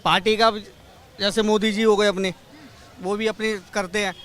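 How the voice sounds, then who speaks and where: A man's voice: sits high, little pitch movement, normal speed, a bit bright. A man in a street interview giving short, hesitant, polite answers. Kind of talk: street vox pop.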